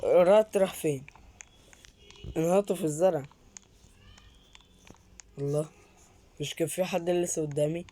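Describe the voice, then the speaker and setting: A man with an Egyptian accent, hosting a gaming channel and narrating a horror game, jumpy and quick to yelp and repeat words when startled. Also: fairly high pitch, dark tone. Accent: Egyptian Arabic.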